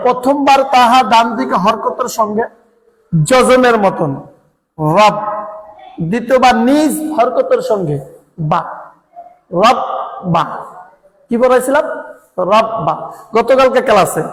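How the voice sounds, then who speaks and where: A man's voice: extremely high pitch, normal speed, long pauses, long reverb tail, rough recording. A man teaching Quran reading, asking questions and answering them himself, repeating each point. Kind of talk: classroom-style lesson.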